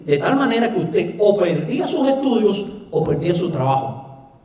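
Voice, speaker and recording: Cuban-accented male preacher, conversational sermon, high-pitched, booming church echo. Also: big pitch swings, moderate pace, dark tone. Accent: Cuban Spanish. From Cuba. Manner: conversational, with asides and rhetorical questions. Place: church hall. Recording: echoey hall from far off.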